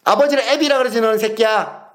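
Man, very high pitched, combative, foul-mouthed, hectoring. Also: fast talker. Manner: aggressive, cursing and hectoring. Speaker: caller in a heated argument. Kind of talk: angry phone argument.

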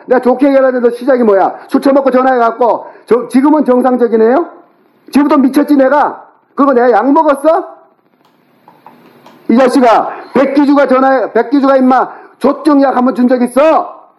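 A man in a heated phone argument, shouting and hurling insults at the other party. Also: very high-pitched, fairly quick, rough recording.

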